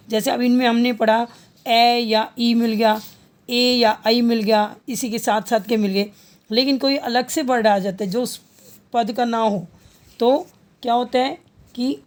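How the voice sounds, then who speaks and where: A woman's voice: a little high, a little mellow. Patient woman teaching grammar. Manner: patient, repeats each answer as a question. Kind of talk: Hindi grammar lesson.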